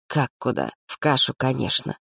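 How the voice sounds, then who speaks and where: A woman's voice: rumbling low, sing-song, normal speed, gravelly, fairly bright tone, husky, no echo, heavily acted. A woman voicing a bossy, teasing young man who runs the camp, lecturing in a dry tone.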